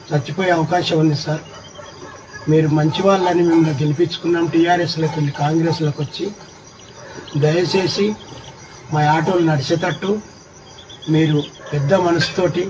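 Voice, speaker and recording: A man's voice: on the high side, noisy background. A man with a Telangana Telugu accent, an auto driver, earnestly pleading with a politician for help. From Telangana, India. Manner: earnest, pleading, repeated "sir".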